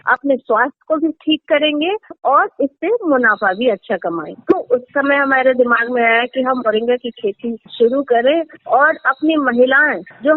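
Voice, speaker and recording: A woman answering radio interview questions about her farming work, earnest and explanatory with some hesitations. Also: high-pitched. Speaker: interviewee, moringa farming entrepreneur. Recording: dry tinny phone line.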